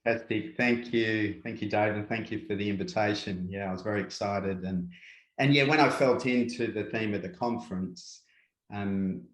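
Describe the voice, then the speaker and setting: An Australian man with a lowish voice talks through ideas in an unhurried, reflective way, often dropping in "yeah" and "yep". His voice carries a noticeable room echo. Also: fairly bright tone. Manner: unhurried, filler-heavy, repeats "yeah" and "yep". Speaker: guest speaker, workshop presenter. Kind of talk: reflective conversational interview.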